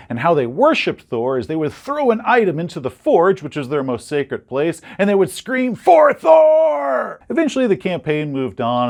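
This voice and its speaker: A man and game master recounting a tabletop session, acting out scenes in an animated storytelling style. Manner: acts out scenes with sudden leaps in pitch.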